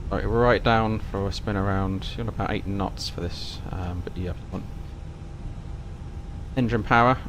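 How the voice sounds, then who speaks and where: A man's voice: fairly even intonation, a little slow. A man giving live flight simulator commentary, muttering procedures and callouts to himself as he flies. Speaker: flight simulator streamer flying as airline pilot. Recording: constant engine and cabin rumble noise. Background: simulated aircraft engine and air conditioning rumble.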